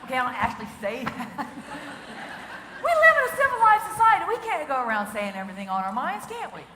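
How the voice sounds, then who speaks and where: A middle-aged woman giving a comic keynote talk, chatty and animated, asking the audience questions and laughing at her own jokes. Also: high-pitched, fast talker. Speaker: keynote speaker. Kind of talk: stand-up style comic keynote. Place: large conference hall. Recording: echoey hall with faint noise.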